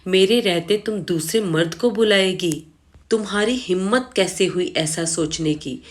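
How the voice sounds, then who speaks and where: A woman's voice: on the low side, a little slow. A woman reading the part of a suspicious, jealous young husband in an accusing, angry voice.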